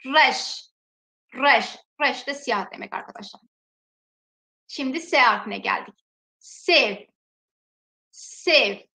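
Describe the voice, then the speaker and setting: Woman language teacher with a high voice. Slow, careful pronunciation drills in an echoey room. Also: pushed and bright. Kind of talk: alphabet lesson with repeated example words.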